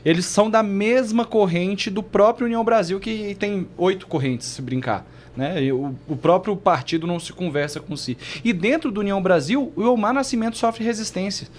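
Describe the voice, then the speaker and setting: A man's voice: high voice, moderate pace, hardly any pauses, slight background noise. A man from Brazil explaining party politics on a panel show, with hesitant restarts. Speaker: political commentator.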